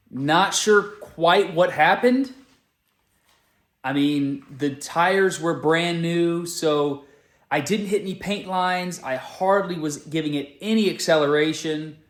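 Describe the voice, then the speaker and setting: A man's voice: fairly high pitch, reverberant. A man talking casually and plainly, in vlog style, as he explains repair work. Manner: informal, plain-spoken. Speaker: vlogger, hobby motorcycle mechanic.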